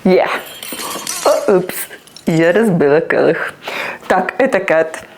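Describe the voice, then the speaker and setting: Middle-aged woman, slow and very expressive, gameplay commentary with an orchestra playing behind. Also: fairly low pitch, noisy background. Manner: animated, exclamatory, talks to viewers while playing. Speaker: mother playing a VR conductor game. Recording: orchestral game music loud behind her.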